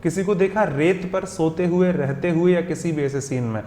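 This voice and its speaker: A man's voice: on the high side, normal speed, warm tone, echoey room, a little hiss or hum. A young Indian man with an Indian accent teaching English vocabulary in a video lesson, explaining patiently and spelling words out letter by letter.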